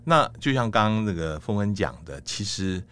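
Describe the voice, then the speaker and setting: Deep-voiced Taiwanese Mandarin host. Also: male voice, lively intonation, normal speed, a bit bright, slight background noise. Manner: reflective, attentive listener with frequent "mm" backchannels. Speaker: talk show host. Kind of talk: interview conversation.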